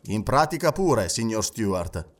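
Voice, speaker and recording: Phileas Fogg, a man doing a calm gentleman. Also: lowish voice, distant mic, pitched below the performer's own voice. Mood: composed. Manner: calm, measured, unhurried. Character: impassive, precise English gentleman traveler.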